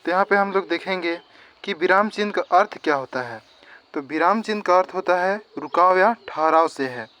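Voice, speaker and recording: High-voiced teacher. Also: male voice, moderate pace, bright, forceful tone. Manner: explains step by step, repeats definitions. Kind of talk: exam-prep grammar lesson.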